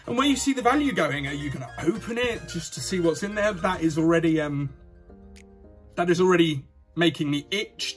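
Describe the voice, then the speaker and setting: High-pitched, excited British man announcing giveaways. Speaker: YouTube host. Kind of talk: casual unboxing and giveaway vlog. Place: small indoor room at a desk.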